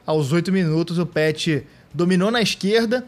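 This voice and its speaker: A man's voice: high voice, normal speed. A Brazilian man hosting a casual podcast, recapping an old football match with joking, sarcastic asides. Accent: Brazilian Portuguese.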